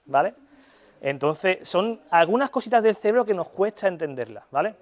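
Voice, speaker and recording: A man's voice: sits high, lively intonation, moderate pace. A young Spanish man giving a university lecture in a casual, chatty way, often checking in with his listeners and swearing in jest. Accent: Spanish (Spain). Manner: casual, chatty, frequent "¿vale?" check-ins. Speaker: neuropsychology lecturer.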